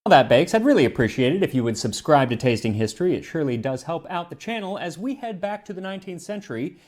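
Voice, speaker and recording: A man's voice: fairly high pitch, sing-song, quick pace, a little mellow. A man hosting an educational video, reading scripted narration in an emphatic, explanatory way. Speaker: host of a food history video show.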